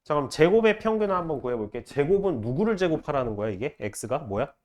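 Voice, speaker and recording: A man teaching math to a class, firing short questions at students and repeating key phrases slowly. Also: a little high, big pitch swings, a little mellow. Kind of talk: classroom lecture.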